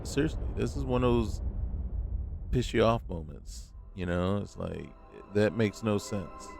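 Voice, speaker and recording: A man with a lowish, gravelly voice, commentating his own gameplay as a gaming host. He rants and swears in exasperation at everything going wrong on screen. Game music plays clearly behind him. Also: unhurried. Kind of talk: let's play commentary.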